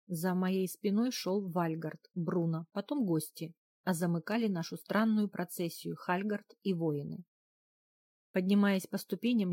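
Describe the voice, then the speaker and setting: Calm woman narrating an audiobook. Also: fairly low pitch, dry recording. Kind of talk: first-person audiobook narration.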